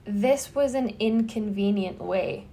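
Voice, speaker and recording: A woman's voice: mid-range voice, slow, mellow, slight background noise. A young adult woman hosting a podcast, talking through a true-crime case in a loose, conversational way with plenty of fillers. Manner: conversational storytelling, frequent "like" fillers. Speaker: podcast host. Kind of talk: casual true-crime chat.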